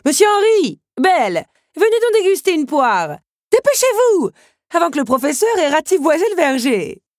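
A woman voicing a countess who calls loudly across an orchard in a shrill, high voice. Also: very animated, normal speed, dry recording, studio quality. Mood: calling out. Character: elderly countess calling out from afar.

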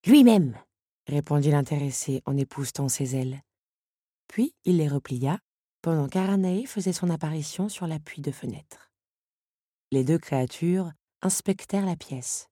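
Low, husky woman narrating an audiobook. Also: moderate pace, warm tone, no echo, clean studio sound.

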